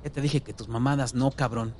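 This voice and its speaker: A man voicing a foul-mouthed, short-tempered crippled male dealer, harsh and full of shouted curses. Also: mid-range voice, fairly even intonation, fairly quick, a little hiss or hum, close to an everyday voice. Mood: muttering angry. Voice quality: harsh, cursing, shouting bursts.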